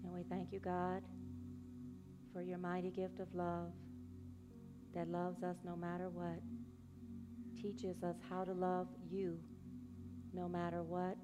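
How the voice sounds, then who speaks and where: A woman minister leading a congregation in prayer and guided meditation, speaking slowly and soothingly. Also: on the low side, completely flat delivery. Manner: slow, soothing, gentle. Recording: music playing behind the voice.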